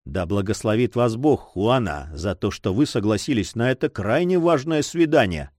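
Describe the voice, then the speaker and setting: A man's voice: medium pitch, big pitch swings, moderate pace, a little mellow, no room sound, clean studio sound. A man reading an earnest young nobleman in love in an audiobook, tender and agitated. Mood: ardent.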